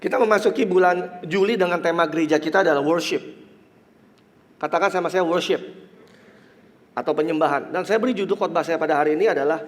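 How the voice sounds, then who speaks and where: An Indonesian-accented pastor, his voice on the high side and congested and nasal, preaches a church sermon and leads prayer in a large hall. He mixes English phrases into his speech, swinging between emphatic preaching and soft murmured prayer.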